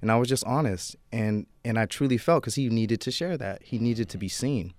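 A man's voice: mid-range voice, a little fast, dry recording. A male teacher telling a heartfelt story from his classroom in a casual conversation. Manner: heartfelt storytelling, lots of restarts. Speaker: teacher guest.

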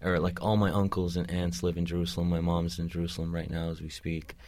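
A young man, a podcast guest, talking haltingly in a casual discussion with many restarts and fillers. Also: low voice, completely flat delivery, darkish tone, no room sound. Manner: hesitant, restarting, lots of "like".

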